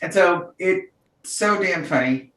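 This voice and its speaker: A woman's voice: on the low side, takes it slowly. A woman co-hosting a podcast, chatting casually and telling a story with frequent laughter. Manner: animated storyteller, laughs often. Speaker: podcast co-host. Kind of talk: casual chat. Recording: roomy, distant mic.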